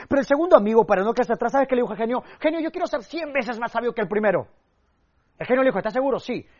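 A young man teaching public speaking, energetic and emphatic, telling stories and acting out what people said. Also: high-pitched, dull audio. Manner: energetic, emphatic, acts out quotes and sound effects. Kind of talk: motivational speaking lesson with stories.

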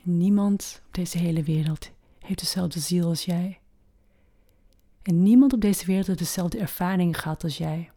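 Her voice fairly low, a woman leads a slow, gentle guided meditation marked by long pauses. She keeps her tone soft, often easing into a breathy near-whisper.

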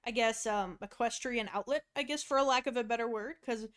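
A woman's voice: fairly high pitch, brisk, a bit bright. A woman co-hosting a podcast, chatting casually with lots of fillers. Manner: filler-heavy, laughs often. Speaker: podcast co-host.

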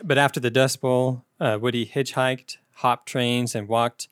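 A man hosting a trivia segment on a podcast, reading questions and explaining answers in a measured way. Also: medium pitch, steady tone, fairly bright tone, clean tone, no echo, clean studio sound. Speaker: quiz host. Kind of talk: casual chat, reading quiz questions.

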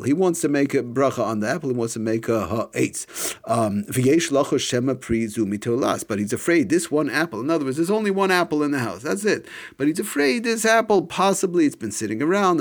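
Man teaching. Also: mid-range voice. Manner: repetitive, rephrasing explanations. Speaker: religious teacher. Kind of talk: informal religious lesson, explaining a text.

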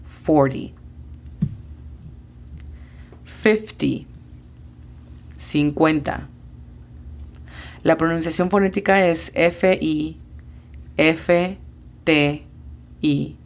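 A woman's voice: deep voice, steady tone, extremely slow, long pauses. A woman teaching an English lesson in a podcast, patiently spelling out pronunciations letter by letter.

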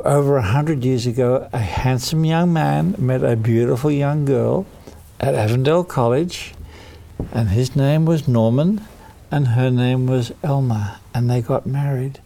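A man tells children a story with deliberate, dramatic emphasis. His voice is gravelly and husky with a mellow tone, and he takes his time. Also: mid-range voice.

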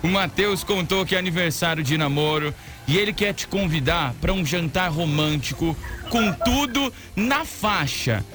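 A man with a high, lively voice runs a radio prank call, teasing and playful. His tone is bright and bouncing, with soft music behind him. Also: normal speed.

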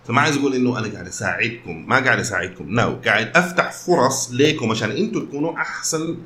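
A man's voice: mid-range voice, animated, very fast, sharp tone. A man with a Sudanese Arabic accent in casual conversation, switching often between Arabic and English. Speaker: company founder.

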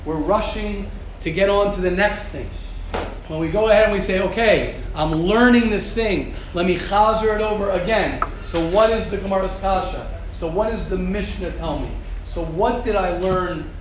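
High-voiced rabbi teaching a class. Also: male voice, normal speed. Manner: repetitive, rhetorical questions, Yiddish-Hebrew terms. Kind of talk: Torah class talk. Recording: echoey room with background noise.

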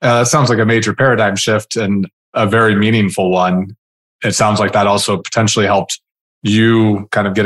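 A male podcast host who sums up and asks measured interview questions. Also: low voice. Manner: measured, summarizing.

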